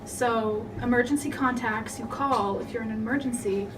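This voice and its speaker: A woman's voice: a little high, moderate pace, music in the background. An eighteen-year-old woman student, hesitant and giggly, full of fillers as she guesses. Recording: distant mic, background noise.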